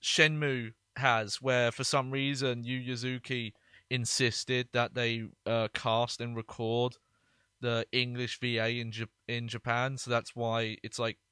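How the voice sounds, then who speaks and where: A man giving casual video game commentary as a streamer, rambling in halting asides. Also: medium pitch, flat delivery, sharp tone, clean tone, no echo, studio quality. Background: game music.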